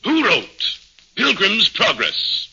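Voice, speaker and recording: Stern, pompous male dean: high, very sharp voice, hemming delivery, 1940s radio comedy on a hissy broadcast. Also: wildly swooping pitch, slow, vocal fry, breathy edge, highs cut off, full character voice. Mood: smug. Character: fussy, hemming college dean, smugly stern.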